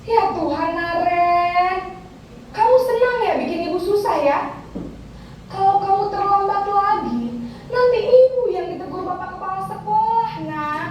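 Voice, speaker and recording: Role-play: woman acting as a nagging teacher, very high and loud, echoey room. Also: unhurried, slight background noise. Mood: guilt-tripping. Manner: shrill, scolding, nagging. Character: stern, scolding female schoolteacher. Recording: echoey room, voice far from mic.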